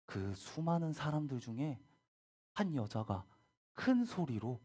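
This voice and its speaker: A woman telling a Bible story to children in a gentle storytelling manner, with soft whispered asides. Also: sits low, sing-song, unhurried, breathy edge. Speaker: children's ministry teacher.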